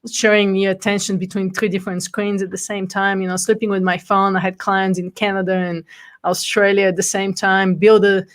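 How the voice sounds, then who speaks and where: Her medium-pitched voice moves little in pitch, and she talks fairly quickly. She's a Bulgarian woman in her forties appearing as an interview guest, chatting casually and openly with frequent ums and light laughs.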